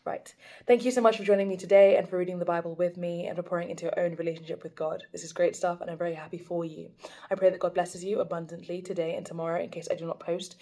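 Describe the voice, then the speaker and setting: Speaking into her phone for a daily Bible video, a young woman with a fairly low-pitched voice reads scripture evenly and steadily.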